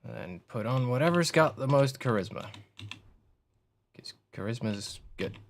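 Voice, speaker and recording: A man's voice: mid-range voice, expressive, a little slow, gravelly, slight background noise. Sarcastic male game streamer. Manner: dry, sarcastic asides. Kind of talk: game commentary.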